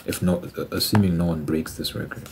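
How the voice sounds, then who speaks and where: Talking to himself while doing sums, a man in his twenties who makes ASMR content and music muses casually in a rambling chat. His deep voice stays steady and brisk, with background noise present.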